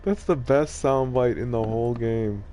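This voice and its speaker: Male game streamer: slow, rambling, informal commentary over background music. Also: mid-range voice, warm tone. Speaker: video game live streamer. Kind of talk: casual gameplay commentary.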